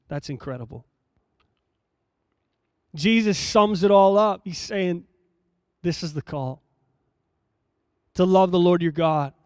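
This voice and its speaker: A man preaching a sermon, reading scripture aloud and explaining it in a measured, emphatic way, repeating phrases for effect. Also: fairly high pitch, a little mellow, smooth, dry recording, clean studio sound.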